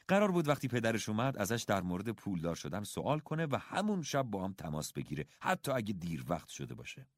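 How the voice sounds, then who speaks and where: A man reads a first-person story aloud as an audiobook narrator. His voice sits fairly low but moves a great deal in pitch as he tells it. The recording is dry, with no room sound. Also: dry recording.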